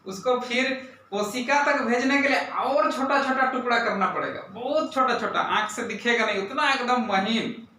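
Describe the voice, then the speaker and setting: A man's voice: very high voice, moderate pace, bright, forceful tone, a little hiss or hum. A man teaching a classroom science lesson, quizzing his pupils and repeating key terms. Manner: asks pupils questions, repeats terms, says "right?" often. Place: classroom, indoors. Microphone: camera far off in the room. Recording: very echoey room, voice from far off.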